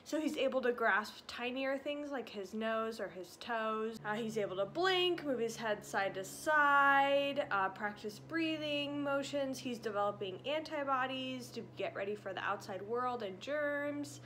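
A woman in her twenties, a vlogger, gives a casual pregnancy update by a stone fireplace in her living room, chatty and full of fillers and "likes," slightly out of breath. Her voice is fairly high and fairly bright, animated and unhurried with few pauses, over slight background noise.

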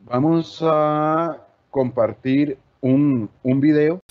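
A man's voice: on the high side, steady tone, very slow, lo-fi sound. A man with a Costa Rican accent giving an explanatory talk to teachers, often adding tag questions. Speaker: education official giving a talk. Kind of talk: presentation to teachers.

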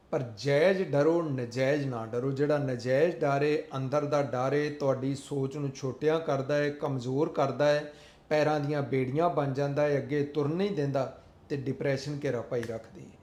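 A man's voice: mid-range voice, fairly even intonation, moderate pace, a little mellow, roomy sound. A man giving an earnest motivational talk, repeating his points in a sermon-like way. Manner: earnest, repetitive, sermon-like delivery. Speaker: motivational speaker.

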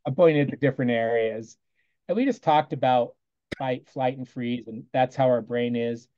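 A man teaching on a video call, casually recounting a classroom lesson and quoting himself with soft asides. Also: medium pitch, moderate pace, no echo, muffled recording. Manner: conversational, quotes himself often with "I go", soft asides.

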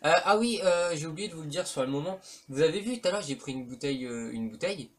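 A man with a fairly high voice gives fast, casual commentary while playing a horror video game. As a let's play commentator, he rambles with lots of hesitations and slang. There's faint background noise.

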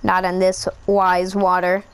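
In an amateur game machinima, a woman uses a high-pitched voice for a boastful, taunting old goat villain who has become a giant T-Rex. Her delivery is monotone, slow and smooth, over a rough recording.

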